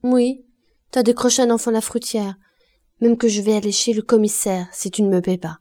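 A woman's voice: fairly low pitch, moderate pace, mellow, natural voice. Virginie, a woman doing a sly gossip. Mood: gossipy. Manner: gossipy, relishing storytelling. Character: sly gossiping woman, smiling, fond of scandal.

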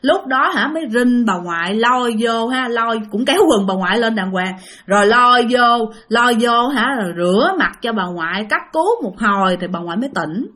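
Southern vietnamese woman telling spooky stories, chatty, talks to the listeners, high voice. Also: expressive, brisk, fairly bright tone. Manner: chatty, addresses listeners directly. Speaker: storyteller. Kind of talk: casual ghost story narration.

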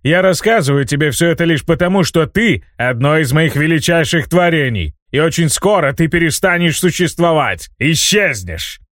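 A man's voice: medium pitch, sing-song, normal speed, no echo, clean studio sound, natural voice. A man voicing a scheming, boastful old male mage who gloats and cackles, in an audiobook reading. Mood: gloating. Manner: gloating, theatrical, breaks into laughter.

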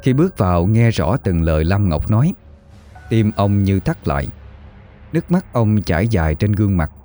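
A man narrating a ghost story in a steady, solemn storytelling voice. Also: lowish voice, moderate pace, faint music behind.

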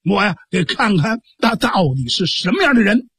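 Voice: medium pitch, big pitch swings, normal speed, fairly bright tone, slightly rough, dry recording, studio quality, heavily acted. A storyteller voicing a cowardly young man muttering to himself while he hides. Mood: sly.

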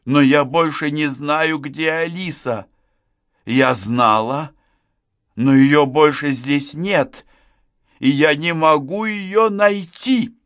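A man reading an audiobook, voicing a guilt-ridden young woman who sobs and apologizes in a halting way. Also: medium pitch, animated, a bit bright, no room sound, clean studio sound, pitched above the performer's own voice. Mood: tearful pleading.

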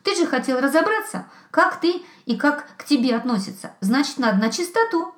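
Woman doing a blunt cheeky hare, high-ish voice, storybook. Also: sing-song, fairly quick, roomy sound.

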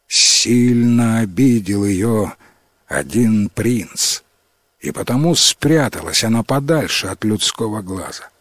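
A man voicing an ancient, wise male forest spirit in a storybook reading, speaking slowly and solemnly. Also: fairly low pitch, no echo, exaggerated voice. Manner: slow, solemn, hushed.

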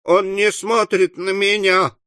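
A man's voice: high voice, flat delivery, takes it slowly, bright, forceful tone, smooth, dry recording, voice pushed up, heavily acted. A male narrator puts on a whimpering, sleepy fat servant boy from a storybook reading. The voice whines a little above the narrator's own, recorded close and dry. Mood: whining. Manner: whimpering, whining.

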